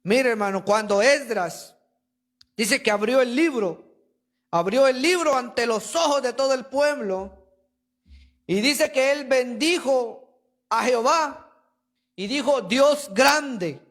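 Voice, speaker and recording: High-voiced man preaching emphatically. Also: slow pace, pauses often, a bit bright. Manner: emphatic preaching, addresses listeners as brother. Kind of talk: sermon. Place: church.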